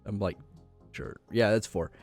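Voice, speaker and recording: A man's voice: on the low side, measured pace, soft background music. A young man co-hosting a casual podcast chat, chatty and unsure, laughing often. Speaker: podcast co-host.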